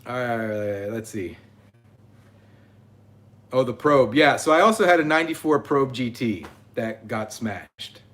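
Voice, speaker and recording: A man's voice: medium pitch, animated, unhurried, pauses often, fairly bright tone, faint music behind. A man in his forties hosting a casual livestream, chatting and reading viewer comments aloud. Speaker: channel host.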